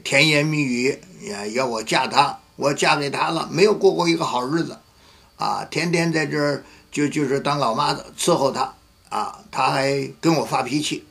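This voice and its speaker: Gravelly-voiced man preaching a sermon. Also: medium pitch, moderate pace, a bit bright. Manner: vivid storyteller who acts out quoted voices. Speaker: pastor. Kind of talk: sermon with storytelling.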